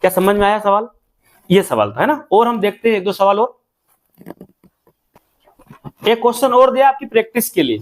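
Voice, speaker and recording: A man with a high voice takes a class through a maths problem step by step. He keeps asking his pupils questions and then answers each one himself. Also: animated, moderate pace, long pauses. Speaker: maths teacher.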